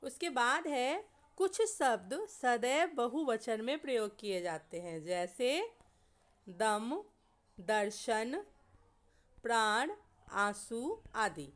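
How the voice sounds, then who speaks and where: A woman's voice: a little high, lively intonation, slow pace. A woman teaching a grammar lesson, who lists examples one word at a time and asks questions that she answers herself. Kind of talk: slow explanatory classroom lesson.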